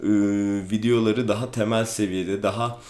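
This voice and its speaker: Man, calm explanatory vlog talk, hesitant fillers, lowish voice, roomy echo. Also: moderate pace. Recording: echoey room.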